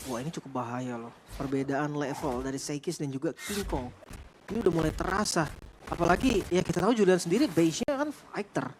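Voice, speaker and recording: A woman's voice: low-pitched, a little fast. A woman giving conversational, analytical esports commentary, explaining the play in an informal way. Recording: clearly noisy game broadcast.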